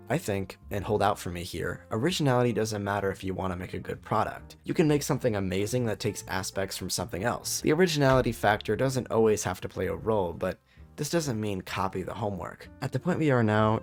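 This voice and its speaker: A man's voice: lowish voice, vocal fry. A man narrating a comedic video essay, sarcastic and jokey, full of rhetorical questions.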